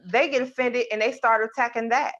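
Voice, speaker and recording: A woman's voice: a little high, steady tone, fairly quick, a bit bright, no echo, muffled recording. A woman in a heated debate, insistently breaking in to press her point. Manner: insistent, repeats "but" to break in. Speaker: panelist.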